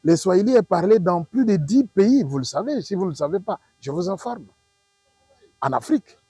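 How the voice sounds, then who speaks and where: A male professor and linguistics expert from the Democratic Republic of the Congo, with a husky yet high, mellow voice and a Congolese French accent, explains to an audience during an interview at a moderate pace. His intonation is lively and his manner didactic and emphatic, with rhetorical questions and repetition, captured in dry, close sound with no room sound.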